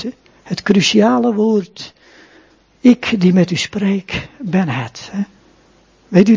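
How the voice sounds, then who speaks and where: A man's voice: sits high, gravelly, dark tone, husky, dull audio. A man preaching a sermon and leading a closing prayer, earnest, often adding short tag questions.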